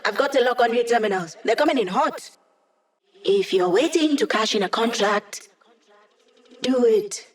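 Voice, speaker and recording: A woman's voice: on the high side, lively intonation, moderate pace, long pauses, lightly acted. An actress playing an upbeat, wry female hacker who gives a squad mission support in a video game, with playful, teasing, casual delivery. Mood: brisk, focused.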